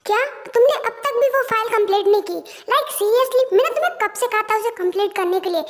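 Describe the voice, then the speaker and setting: A woman's voice: very high-pitched, brisk. A woman voicing a blunt, short-tempered young female company owner in an audio story, scolding and ranting. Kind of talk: Hindi fan-dub audio story.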